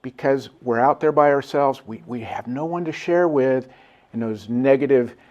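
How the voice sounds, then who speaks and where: A man's voice: mid-range voice, normal speed, a little mellow, dull audio. A man, a guest, telling an earnest and reflective story in casual talk.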